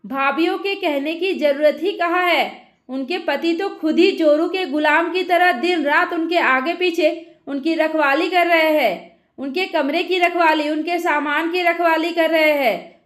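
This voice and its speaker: Woman voicing a weepy accusing sister, high voice, roomy sound. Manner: crying, accusing. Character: tearful young married daughter accusing her brother. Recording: roomy echo.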